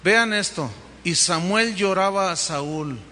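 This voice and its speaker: Animated preacher, bright voice. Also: male voice, high-pitched, slow, big-room sound. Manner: animated, asks the congregation questions. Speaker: pastor. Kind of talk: sermon.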